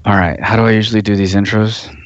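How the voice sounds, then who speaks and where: A man co-hosting a podcast in casual chat, relaxed and wry, laughing easily. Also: lowish voice, quick pace, lo-fi sound, slight background noise. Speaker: podcast co-host.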